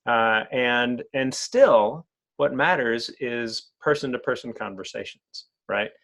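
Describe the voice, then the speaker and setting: A man's voice: mid-range voice, takes it slowly, a bit bright. A man interviewing a guest in an online club meeting, who often repeats words while searching for phrasing.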